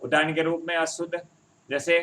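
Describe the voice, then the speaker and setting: A man's voice: fairly high pitch, level tone, moderate pace, pushed and bright. A man teaching a Hindi grammar lesson, explaining step by step and often checking that his students follow.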